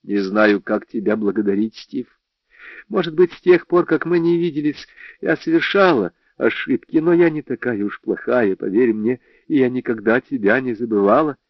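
A man reading an audiobook voices a frightened young woman in hiding, who pleads and whispers softly. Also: mid-range voice, lively intonation, normal speed, no echo, highs cut off. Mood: pleading.

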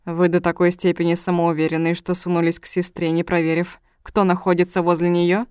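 A woman's voice: on the low side, little pitch movement, brisk, darkish tone, clean tone, no echo, studio quality, natural voice. A woman voicing a ruthless male gang leader who speaks coldly and threateningly. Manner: cold, threatening.

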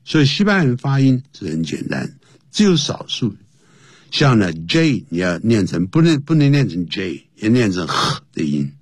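Teaching English at a slow pace, this man spells out words one letter at a time and jumps his voice upward to highlight important points. His pitch moves in big swings and has a slightly rough edge. It's studio quality, with no echo.

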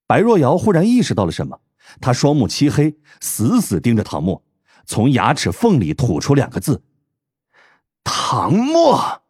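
A man narrating an audiobook in expressive, wide-ranging storytelling. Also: mid-range voice, moderate pace, slightly rough, dry recording, studio quality. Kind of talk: scripted narration.

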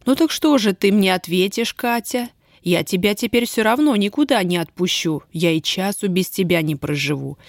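A woman's voice: medium pitch, no echo, studio quality, natural voice. A woman reading an audiobook, voicing an earnest young male army officer who pleads in love and speaks steadily. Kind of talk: audiobook character voice.

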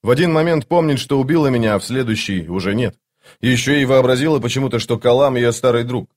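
A man's voice: medium pitch, fast talker, darkish tone, natural voice. A man voicing a stern, suspicious army captain who gives curt commands in an audiobook. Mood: commanding.

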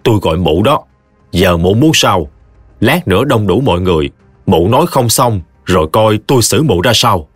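A man voicing a stern, indignant elderly father who speaks gravely and firmly. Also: on the low side, expressive, moderate pace, no room sound, soft background music. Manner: grave, firm.

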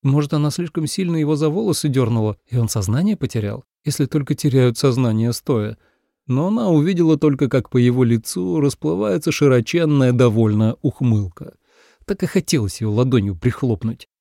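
A male narrator reads a story with a wry, expressive delivery. His voice is dark and gravelly, and his intonation rises and falls freely. The recording is close and dry. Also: medium pitch, brisk, no echo. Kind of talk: audiobook narration.

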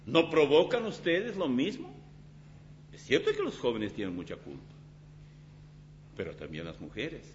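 A man preaching a sermon as pastor in a church, in an animated, dramatic way with vivid illustrations. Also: mid-range voice, a little slow, pauses often. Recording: slightly dull recording with faint hum.

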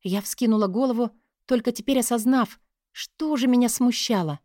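A woman's voice: on the high side, moderate pace, mellow, no room sound, studio quality. Woman narrating a fantasy audiobook. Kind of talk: scripted first-person fantasy narration.

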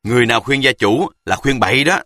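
Pompous middle-aged sorcerer, commanding and bright, read by a male narrator. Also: medium pitch, expressive, fast, no echo, studio quality. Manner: commanding, grandiose.

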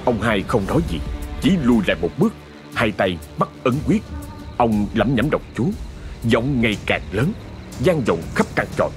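A man narrating a horror story in a dramatic, expressive scripted reading. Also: medium pitch, moderate pace, faint music behind.

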